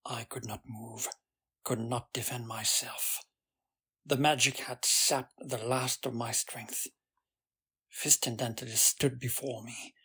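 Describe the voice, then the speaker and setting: Sex: man. Role: bedtime audiobook narrator. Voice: husky, mid-pitched. Pace: very slow. Style: reading a fantasy novel for sleep.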